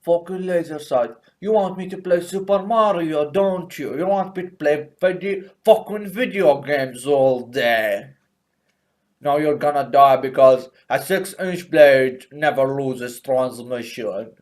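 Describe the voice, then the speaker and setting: Man doing a swearing British-accented soldier, bitter and grumbling, low-key and a bit quiet. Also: unhurried, lightly acted. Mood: menacing. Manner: grumbling, profane, seething. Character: bitter middle-aged male soldier who hates electronics.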